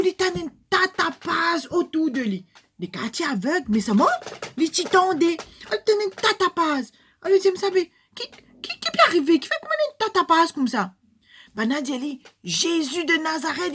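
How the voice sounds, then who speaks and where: An older woman with a Mauritian Creole accent tells children a Bible story in a high-pitched, animated voice. She drops to hushed, whispery asides and rises to loud calls.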